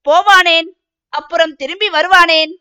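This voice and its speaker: A flustered young village farmer defends himself and pleads to be believed, voiced by a woman reading a storybook. The voice stays high and bright, with little lowering for the man. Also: steady tone, a little slow, heavily acted. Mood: defensive.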